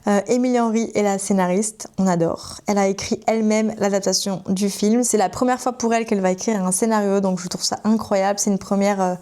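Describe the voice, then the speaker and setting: Young woman, twenties, from France, book vlogger, gushing casual chat, mellow voice, mid pitch. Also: steady tone, fairly quick, hardly any pauses. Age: 20s. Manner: enthusiastic, gushing, chatty.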